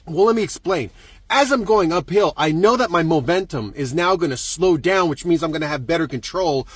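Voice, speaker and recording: A man telling a wild driving story as a vlogger, excitable and profane, acting out scenes with sound effects. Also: a little high, a little fast, husky, no echo. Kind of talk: animated storytelling.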